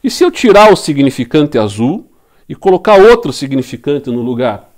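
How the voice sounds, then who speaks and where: A man's voice: fairly high pitch, big pitch swings, normal speed, darkish tone. A man with a Brazilian Portuguese accent giving a recorded lecture, teaching step by step with rhetorical questions and repeated key terms. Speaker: law lecturer.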